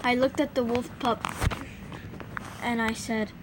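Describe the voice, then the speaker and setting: A woman's voice: on the high side, level tone, unhurried, background noise. A woman telling an improvised first-person scary story, rambling with fillers and restarts.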